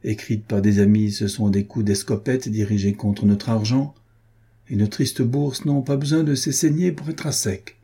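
A man's voice: lowish voice, fairly even intonation, moderate pace, warm tone, husky. A man reading as a proud young marquis. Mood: bantering.

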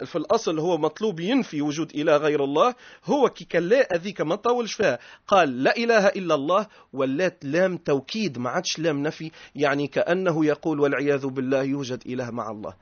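A man with a Tunisian accent, a sheikh giving a religious lesson, drawing out key phrases slowly and switching between classical and dialect speech. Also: on the high side, expressive, no room sound, muffled recording. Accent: Tunisian Arabic. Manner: slow, emphatic recitation of phrases, mixing classical and dialect.

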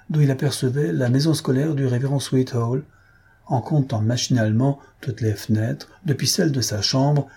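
A man reading a literary short story aloud as an audiobook narrator, with a measured delivery. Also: mid-range voice, warm tone, slightly rough. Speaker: audiobook reader.

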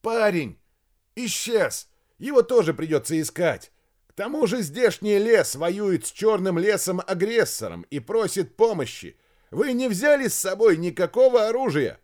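A man voicing a commanding army major who shouts urgent, clipped orders. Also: sits high, big pitch swings, measured pace, voice pushed up. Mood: urgent shouting.

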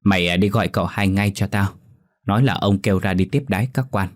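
A brusque wealthy patriarch who snaps orders at his servant, voiced by a male narrator. He talks quickly and curtly in a deep voice. It is a spoken storybook performance. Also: natural voice. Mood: commanding. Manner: brusque, commanding. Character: gruff wealthy father barking orders.

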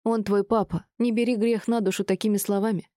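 A woman's voice: mid-range voice, level tone, brisk, mellow, dry recording, studio quality, voice pushed up, natural voice. A woman voicing a tearful middle-aged mother who pleads with her family in a raised, strained voice. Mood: pleading.

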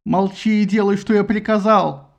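A man playing a shrill, shouting old king. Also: a little fast, creaky. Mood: grumpy. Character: old grieving king, grumpy and hysterical.

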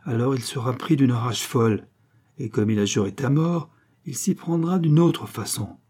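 A man reading an audiobook and voicing a cold, scheming mysterious man who speaks calmly and with command. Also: mid-range voice, moderate pace, close to an everyday voice. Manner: icy, calm, commanding.

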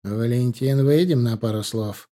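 A man voicing a calm, stern counterintelligence captain who speaks in an impassive, measured way. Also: natural voice. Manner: impassive, measured, slightly higher pitch.

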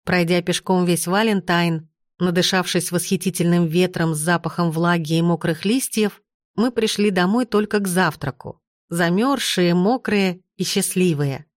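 A woman narrating an audiobook in the first person, with steady, even storytelling. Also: fairly low pitch, moderate pace, no echo, clean studio sound.

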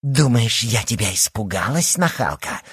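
A man voicing a jealous, furious teenage girl who hisses and shouts threats in an audiobook. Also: very animated, measured pace, husky, dry recording, clean studio sound, full character voice. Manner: hissing, shrill shouting. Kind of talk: audiobook character reading.

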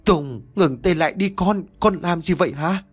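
A man's voice: high voice, moderate pace, breathy edge, faint music behind, voice pushed up. A man voicing a tearful pleading mother. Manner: pleading, sobbing confessions.

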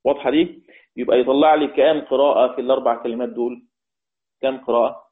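A man with an Egyptian accent teaching Quran recitation rules, repeating key words slowly and quizzing his students. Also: medium pitch, fairly even intonation. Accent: Egyptian Arabic. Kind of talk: explaining recitation rules in a lesson. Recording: tinny phone-like sound.

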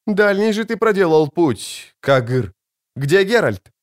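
A man voicing a defiant, sharp-tongued teenage girl, pushing his voice up into a strained girlish pitch for an audiobook. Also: very animated, a little slow. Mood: wry. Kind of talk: audiobook character voice.

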